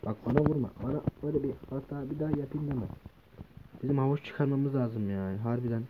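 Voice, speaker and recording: Excitable man yelling at game monsters. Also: medium pitch, quick pace, phone-quality sound, background noise. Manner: excitable, shouts and swears at the monsters attacking him; talks to the game mobs and to viewers as "gençler". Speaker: gaming video host. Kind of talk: casual let's play commentary.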